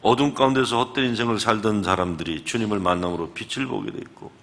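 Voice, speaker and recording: A man's voice: lowish voice, fast talker. A man in his fifties, a guest pastor, preaching a revival sermon and acting out the conversations in his stories. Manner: animated storytelling, acting out conversations. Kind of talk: revival sermon with retold dialogue. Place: church sanctuary.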